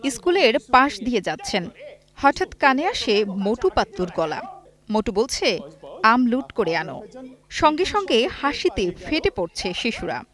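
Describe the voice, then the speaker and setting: A woman voices a scripted news report with a fairly high, lively voice that rises and falls a lot. Her reading is clear and steady. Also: a little slow.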